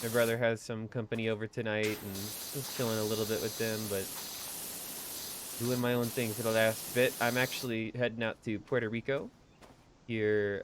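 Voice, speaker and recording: A man's voice: fairly low pitch, background noise. A young man from Colorado chatting casually on a live stream, laughing easily and answering his chat. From Colorado, USA.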